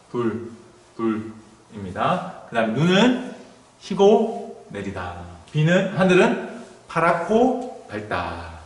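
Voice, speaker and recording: A man teaching a beginners' sign language class, explaining each sign slowly and demonstrating as he talks. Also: medium pitch, reverberant. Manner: slow, explanatory, drawn-out words while demonstrating signs. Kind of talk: recorded sign language lesson. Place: indoor room at a welfare center.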